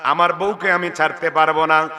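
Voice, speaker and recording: Preacher playing a curt, ungrateful grown son, bright voice, echoing hall. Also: male voice, on the high side, fairly even intonation, normal speed. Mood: dismissive. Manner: curt and dismissive. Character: cold, ungrateful adult son. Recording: long reverb of a large venue.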